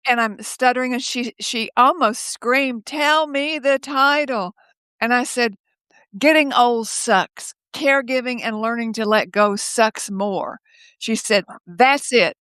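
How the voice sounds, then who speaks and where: An older woman speaking as a guest over a video call from her home office, telling stories in a lively way, laughing often and acting out the voices of others. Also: fairly high pitch, measured pace, clean tone, no room sound. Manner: lively, laughs often, acts out quoted speech. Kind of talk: casual conversational storytelling.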